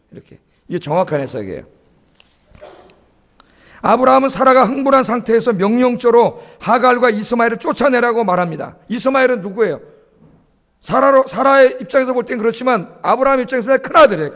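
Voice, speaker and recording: Man pastor with a high voice preaching a Sunday sermon in church, often stopping to quiz the congregation. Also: a bit bright. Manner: asks the congregation questions and answers them himself; often adds a questioning "예?". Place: church sanctuary.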